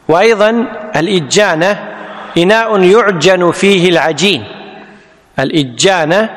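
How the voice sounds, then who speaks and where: A man teaching a lesson, who repeats each word and quizzes his students. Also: sits high. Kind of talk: classical Arabic text lesson. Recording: long hall reverb.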